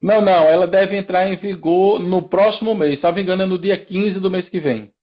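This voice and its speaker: A high-pitched man with fairly even intonation talks a little fast as a live-stream guest. He's a lawyer from Recife with a Pernambuco Brazilian Portuguese accent, explaining procedures methodically, step by step, with many restarts, all in a muffled recording.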